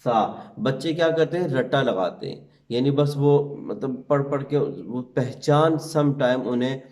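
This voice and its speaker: A male Quran teacher giving a spoken lesson, reciting the Arabic letters slowly and drawn out, with English words mixed into his Urdu. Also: medium pitch, a little mellow, far from the mic.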